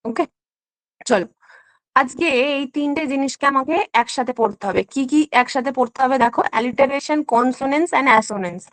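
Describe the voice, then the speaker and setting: A woman's voice: high-pitched, moderate pace, a bit bright, no echo, low-quality recording. A woman teacher giving an online exam-prep lesson, explaining step by step, mixing in English terms and checking in often. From West Bengal.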